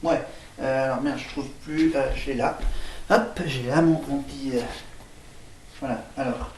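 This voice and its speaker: A man vlogging casually, hesitating with fillers and restarts while he writes on a board and spells words out loud. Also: mid-range voice, fairly even intonation, unhurried, far from the mic. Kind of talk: rambling casual vlog, spelling words aloud. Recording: echoey room, voice off-mic, faint noise.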